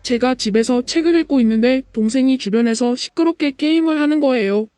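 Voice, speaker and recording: A woman's voice: high-pitched, a little fast, warm tone, dry recording, lightly acted. A woman reading the letter of a ninth-grade student troubled by a noisy younger sibling.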